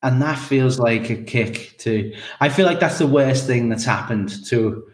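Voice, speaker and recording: A man's voice: mid-range voice, a little slow, reverberant, low-quality recording. A man hosting a casual film podcast, joking and rambling with mock outrage. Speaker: podcast host.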